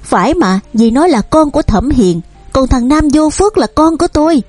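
A woman voicing a bitter, spiteful middle-aged stepmother who talks coldly and shouts. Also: high-pitched, lively intonation, normal speed, no echo, soft background music, pitched above the performer's own voice. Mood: angry. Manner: sharp, cold, shouting.

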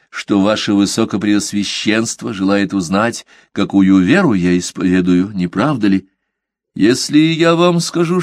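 A man voicing a devout male merchant who answers politely, measured and quietly firm, in an audiobook. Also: fairly low pitch, dry recording, clean studio sound, lightly acted. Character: calm devout male merchant under questioning. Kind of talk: audiobook character reading.

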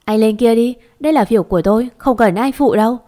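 Woman doing a snappy annoyed young woman, sharp and curt, a bit louder. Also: fairly high pitch, brisk, natural voice. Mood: irritated. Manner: sharp, scolding.

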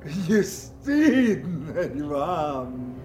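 A man's voice: on the high side, big pitch swings, exaggerated voice. An actor playing an anguished old king who rages at a storm in grand, impassioned Russian stage tragedy verse. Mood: bitter, wounded. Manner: grand, drawn-out, impassioned declamation. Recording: echoey studio drama with loud music.

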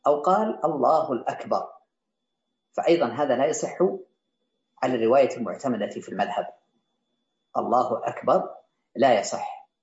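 A man's voice: medium pitch, a little fast, long pauses, a little mellow. Man teaching a classical text. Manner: reads a line of the text, then restates and explains it. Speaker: teacher of Islamic jurisprudence. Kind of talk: explaining a classical text to students. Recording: roomy, slightly dull sound.

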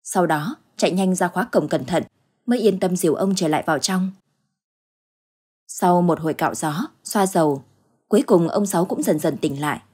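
A woman narrating a ghost story in a suspenseful, scripted storytelling manner, with a husky voice. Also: on the low side, moderate pace, a little mellow. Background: faint music.

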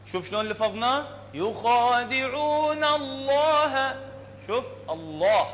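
A man with an Iraqi accent teaching Quran recitation in a classroom lesson, explaining step by step and often checking that it is clear. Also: sits high. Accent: Iraqi Arabic. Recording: echoey hall, dull lo-fi sound, faint room noise.

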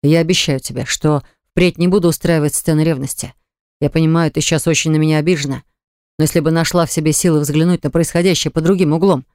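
A man's voice: fairly high pitch, fairly even intonation, quick pace, a little mellow, clean tone, no echo, studio quality, lightly acted. A man voicing a jealous young ex-fiancé who pleads earnestly to win her back, in an audiobook. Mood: pleading. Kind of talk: audiobook dialogue reading.

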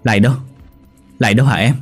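A man voicing a panicked husband demanding answers urgently, husky and raised above his usual pitch. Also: fairly even intonation, quick pace, faint music behind. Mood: frantic. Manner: frantic, urgent.

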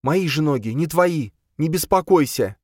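A man reading an audiobook and voicing a calm, stubborn young woman who is a cat-witch, speaking firmly and coolly. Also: a little high, moderate pace, dry recording, voice pushed up. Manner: calm and firm, coolly dry.

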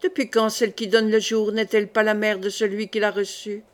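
A woman's voice: mid-range voice, level tone, a little fast, lightly acted. A woman voicing a proud, scheming queen mother. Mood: haughty. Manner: haughty, insistent.

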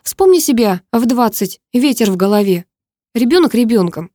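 A woman's voice: a little high, sing-song, moderate pace, warm tone, no room sound, clean studio sound. A woman voicing an anxious middle-aged mother who pleads with her family, in a novel reading. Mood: soothing. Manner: pleading, tearful emphasis.

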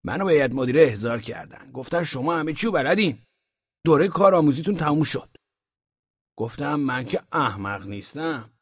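A man's voice: a little high, animated, slightly rough, no room sound, lo-fi sound. A man voicing a boastful, talkative grown man who complains while telling his own story in an audiobook. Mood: aggrieved boasting. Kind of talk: audiobook character reading.

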